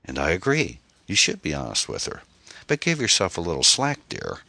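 A man voicing a gentle, supportive middle-aged woman who coaxes and reassures her anxious friend. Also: low voice, wildly swooping pitch, normal speed, gravelly, dry recording, pitched above the performer's own voice, exaggerated voice. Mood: coaxing. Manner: coaxing, reassuring.

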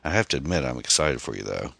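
A man voicing a gentle, supportive middle-aged woman who coaxes and reassures her anxious friend. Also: rumbling low, big pitch swings, quick pace, creaky, no room sound, heavily acted. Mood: coaxing. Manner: coaxing, reassuring.

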